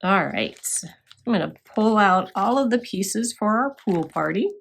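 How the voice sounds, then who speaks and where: A woman's voice: mid-range voice, animated, a little slow, gravelly, slight background noise. A woman instructor demonstrating scrapbook crafting step by step, explaining as she works with occasional fillers.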